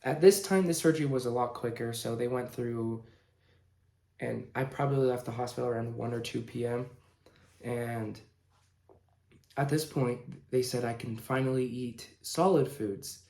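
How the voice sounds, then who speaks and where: A vlogger in his late teens tells his own story in a casual, informal way, halting and pausing mid-sentence. His medium-pitched voice is gravelly and darkish, echoing in a roomy indoor space.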